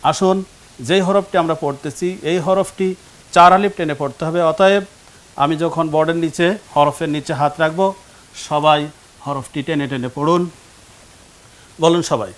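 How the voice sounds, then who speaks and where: A man's voice: fairly high pitch, normal speed, long pauses. Patient male Quran reading teacher. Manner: patient, drills pronunciation and quizzes students. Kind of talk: televised classroom lesson. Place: studio classroom with a board.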